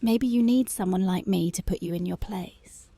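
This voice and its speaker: In an ASMR roleplay, a woman plays a strict, dominant female police officer, speaking slowly, intimately and tauntingly, often slipping into whispers. Her medium-pitched voice has a dark tone and is lightly acted over a slight hiss or hum, with a teasing, coaxing mood.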